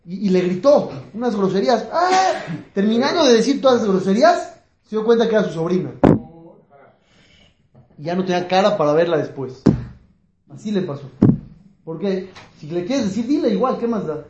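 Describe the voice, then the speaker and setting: A man's voice: high-pitched, expressive, fairly quick, muffled recording, background noise. A man, a rabbi giving a class who asks his listeners questions and acts out the people in his stories with humor. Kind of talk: Torah class lecture. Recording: echoey room.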